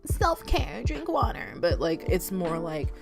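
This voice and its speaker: A woman's voice: on the low side, sing-song, unhurried, gravelly, music in the background. A young woman talking casually to camera, rambling with many fillers and restarts. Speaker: vlogger. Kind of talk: casual confessional talk to camera.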